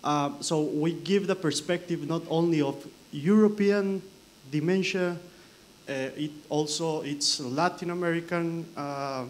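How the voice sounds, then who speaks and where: A man's voice: on the high side, unhurried, slight background noise. A young man from Costa Rica, a researcher answering an audience question at a conference panel, earnest and searching for words. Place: large conference hall.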